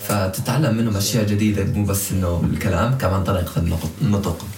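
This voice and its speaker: A man's voice: low voice, steady tone, very fast, a little mellow, distant mic. A man in a casual chat who explains things and stretches some words. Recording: echoey room away from the mic, faint noise.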